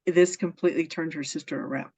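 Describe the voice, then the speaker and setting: Her voice is low, a little mellow and husky, with fairly even intonation, and she speaks fast. As a guest in a casual storytelling interview, this woman earnestly and enthusiastically relates personal stories, laughing often, on a dull lo-fi recording.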